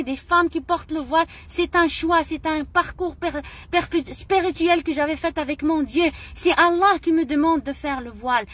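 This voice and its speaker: Woman, middle-aged, high-pitched, heated monologue, indignant, repetitive phrasing. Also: a bit bright, dry recording. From Morocco. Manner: indignant, emotional, repeats phrases. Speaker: vlogger. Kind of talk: impassioned personal monologue.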